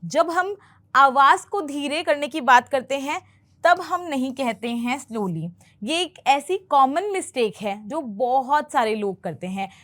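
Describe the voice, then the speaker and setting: Woman, English teacher, patient, repeats phrases for learners, high voice, slow pace. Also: lively intonation, a bit bright. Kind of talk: explaining film dialogue in a language lesson.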